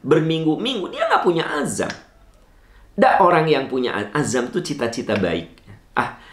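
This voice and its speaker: A man preaching a sermon in with a light tinge, asking rhetorical questions and swinging his voice up and down as he answers a listener. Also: reverberant. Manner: animated, swooping pitch, rhetorical questions.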